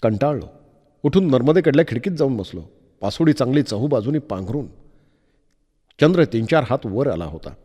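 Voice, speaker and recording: A man narrating an audiobook novel with expressive, measured storytelling. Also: medium pitch. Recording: long reverb.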